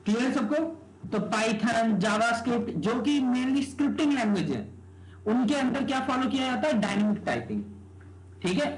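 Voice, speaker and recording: High-voiced male teacher quizzing his class. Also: expressive, moderate pace. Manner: quizzes students with rhetorical questions, keeps checking "okay?". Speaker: programming teacher. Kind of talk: live classroom lecture. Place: classroom with students. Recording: echoey room with background noise.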